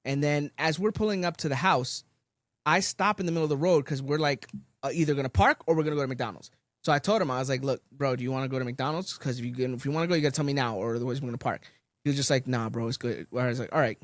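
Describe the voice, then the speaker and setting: A young man, casually telling a story on a podcast, animated and swearing, loudly acting out quotes. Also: medium pitch, quick pace, no room sound. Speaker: podcast co-host.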